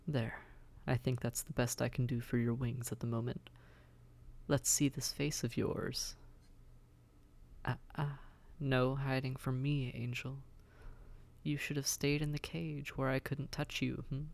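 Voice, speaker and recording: Here a man performs as a smooth, teasing prince of Hell for an intimate audio roleplay, speaking in a gravelly, coaxing, leisurely way that frequently falls to a near whisper. His pitch is medium, the mood tender and teasing, and the recording carries a slight hiss or hum.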